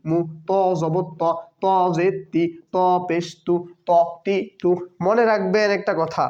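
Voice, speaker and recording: A man teaching a Quran tajweed class online, patiently drilling Arabic letters and vowel marks, repeating each sound slowly for students to follow. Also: on the high side. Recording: dull lo-fi sound.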